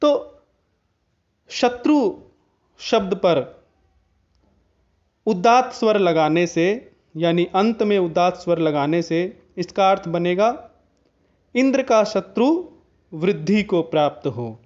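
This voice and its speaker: Slow, high-voiced male Hindi teacher. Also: lively intonation, a little mellow, lo-fi sound. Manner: slow, deliberate explanation with chanted Sanskrit examples. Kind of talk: online Hindi grammar lecture.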